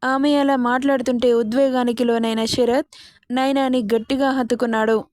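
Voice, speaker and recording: Give me a woman narrating a dramatic story, higher pitch, dry and close. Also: level tone, normal speed, a little mellow, no echo.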